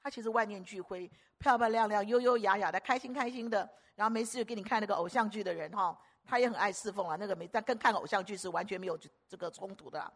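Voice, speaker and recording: A woman preacher giving a lively sermon, telling stories and asking the congregation rhetorical questions. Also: medium pitch, fast talker, few pauses.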